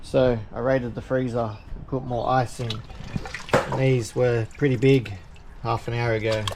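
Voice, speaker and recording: A man's voice: medium pitch, flat delivery, unhurried. A man talking casually to camera as a vlogger. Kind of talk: casual vlog talk to camera. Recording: clear background noise.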